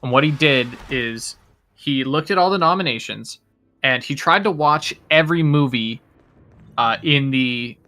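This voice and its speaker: A man's voice: mid-range voice, unhurried, pushed and bright. A man hosting a casual gaming stream, rambling with lots of fillers and swearing freely. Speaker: host.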